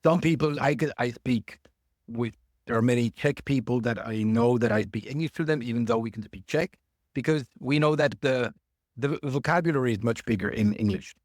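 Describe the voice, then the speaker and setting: Thoughtful yet a little halting, a podcast guest speaking over a remote call frequently stops to rephrase during a casual interview chat. He has an ordinary male pitch, and the sound is dry, with no echo from the room.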